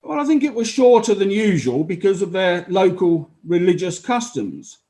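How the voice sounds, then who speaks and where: Playing a Roman army officer in a dramatized inquiry, a man with a slightly high, somewhat mellow voice gives matter-of-fact testimony that explains events without emotion.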